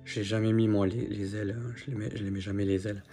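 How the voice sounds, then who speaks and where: A man's voice: fairly low pitch, level tone, fast talker, warm tone, soft background music. Rambling chatty man. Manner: chatty, rambling, many fillers and repeats. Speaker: collector showing his figures. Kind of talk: casual unboxing chat to camera.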